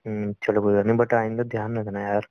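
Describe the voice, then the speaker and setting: A man's voice: lowish voice, monotone, brisk, no room sound, lightly acted. A young man playing a frustrated boyfriend who tries to reason with his girlfriend on a phone call in a scripted drama. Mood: placating. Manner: exasperated, pleading, reasoning. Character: frustrated young boyfriend, defensive but trying to stay calm. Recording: dull, dry lo-fi recording.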